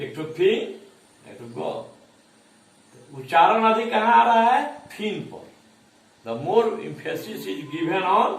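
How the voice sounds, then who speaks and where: A male college lecturer with an Indian accent, explaining English syllables slowly, repeating and spelling them out. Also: fairly high pitch. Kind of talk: classroom lecture on English pronunciation. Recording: echoey classroom, mic far off.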